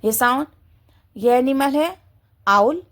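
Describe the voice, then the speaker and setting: A woman teaching a kindergarten English lesson in Hindi and English. She explains slowly and patiently, asks questions and answers them herself, and imitates animal sounds. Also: high voice, expressive, a bit bright.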